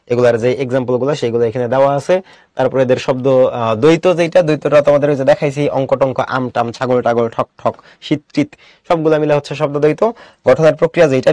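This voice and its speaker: A man's voice: medium pitch, darkish tone, no echo, clean studio sound. A young adult man teaching an online class, explaining step by step and asking his students questions.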